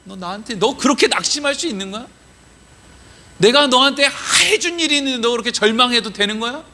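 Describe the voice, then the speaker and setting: A man's voice: very high-pitched, expressive, a little fast, pushed and bright, voice pushed up, full character voice. A man voicing God as a fond, exasperated fatherly figure who coaxes with reproachful questions.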